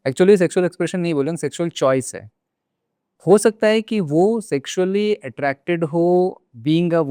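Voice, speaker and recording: A man's voice: a little high, darkish tone, clean tone, no room sound, studio quality. A man hosting a podcast who thinks aloud, sums up what he hears and checks whether he has understood it. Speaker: podcast host. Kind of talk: casual podcast interview.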